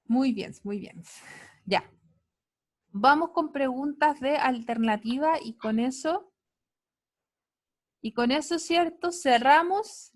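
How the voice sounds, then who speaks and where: A woman with a Chilean Spanish accent teaching an online science class, checking in with students often and praising their answers. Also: high-pitched. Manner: checks in often with quick tags, upbeat praise.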